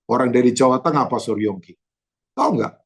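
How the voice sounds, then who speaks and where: A man's voice: medium pitch, brisk, husky. A male pastor giving a conversational church sermon, telling stories and dropping in English phrases.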